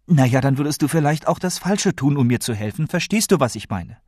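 A man voicing a worried, insistent woman who keeps questioning a boy, with a raised, husky voice. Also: medium pitch, expressive, fairly quick, a little mellow, dry recording, studio quality, voice pushed up, lightly acted. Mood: pleading, earnest. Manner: pleading, probing questions.

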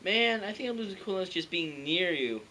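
An aloof young cool guy, played by a young man in a homemade comedy sketch. His high voice moves around a lot as he brushes people off, over clear background noise. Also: expressive, normal speed, bright, forceful tone, rough recording. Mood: dismissive. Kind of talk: amateur comedy sketch acting.

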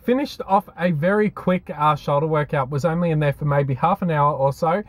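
A man in his twenties with an Australian accent chats casually as a fitness vlogger, mixing vlog talk with workout commentary. His voice is fairly high and brisk, with no room sound.

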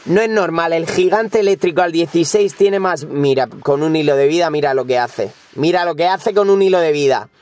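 A young man from Spain with a Spanish accent, hoarse with a cold, commenting live on his mobile game and swearing freely at viewers. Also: on the high side, fairly quick, hardly any pauses, darkish tone, no room sound. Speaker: gaming YouTuber.

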